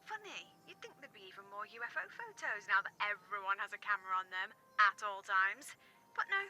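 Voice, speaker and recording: An actress playing an upbeat, teasing young English woman in a video game, friendly and brisk. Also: mid-range voice, sing-song, bright, forceful tone, soft background music, full character voice. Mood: amused. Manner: upbeat, teasing, drops to whispers.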